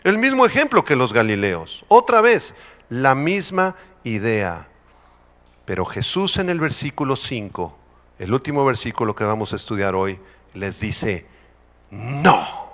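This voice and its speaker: A man's voice: mid-range voice, sing-song, a little slow, fairly bright tone, in a large hall. A male pastor preaching a sermon emphatically, having the congregation repeat phrases.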